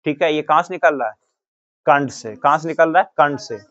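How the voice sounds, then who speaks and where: A male teacher from Bihar, India, runs a grammar lesson in a coaching classroom, quizzing the class with the same question over and over and supplying the answers himself. His voice is fairly high, a bit bright and fairly quick, with the highs cut off.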